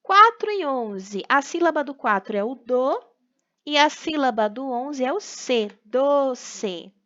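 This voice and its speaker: A woman's voice: high-pitched, animated, bright, forceful tone, highs cut off. Patient Brazilian woman teaching a class. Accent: Brazilian Portuguese. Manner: patient, explains slowly, checks in with "tá?" and "né?". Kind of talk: recorded remote class lesson.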